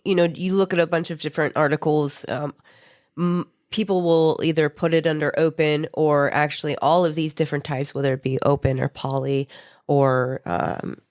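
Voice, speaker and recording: This speaker has a stuffy nose and explains terms in a hesitant way, with many pauses. The voice sits at a mid pitch. The sound is dry and close. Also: steady tone, a little mellow, dry recording. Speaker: podcast co-host. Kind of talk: casual discussion.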